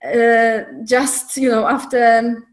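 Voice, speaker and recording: Polish woman in her 30s on a video call, slow and thoughtful, lots of ums. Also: fairly high pitch, little pitch movement. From Poland. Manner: unhurried, searching for words with frequent ums. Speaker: community organiser introducing herself. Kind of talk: casual self-introduction in an online group meeting.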